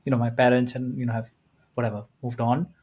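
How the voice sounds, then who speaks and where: A man from India in his thirties hosting a podcast, talking in a relaxed, rambling way with lots of fillers. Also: mid-range voice, fast, slightly rough. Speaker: podcast host. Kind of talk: casual conversational interview.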